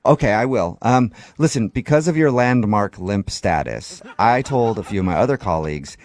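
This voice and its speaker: A radio host making a prank phone call while posing as a doctor, talking in a sly, deadpan way and stifling laughs. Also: male voice, fairly low pitch, moderate pace.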